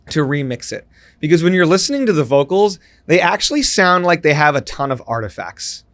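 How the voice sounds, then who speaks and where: A man's voice: a little high, fairly bright tone. A man talking to camera as a music YouTuber, explaining things casually and then ranting, repeating himself as he gets worked up.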